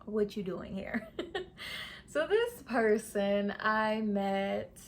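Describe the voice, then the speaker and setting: A woman's voice: medium pitch, lively intonation, drawn-out words, a little hiss or hum. A woman in her twenties telling a storytime vlog in a chatty, sassy way, full of slang. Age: 20s. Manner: chatty, sassy slang, says sis and okay a lot. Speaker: beauty vlogger. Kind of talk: casual storytime.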